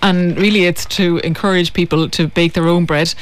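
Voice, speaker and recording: A woman's voice: fairly low pitch, steady tone, moderate pace, clear, resonant tone. Female guest, explanatory, hesitant delivery, casual studio chat. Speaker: baking guest. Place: radio studio.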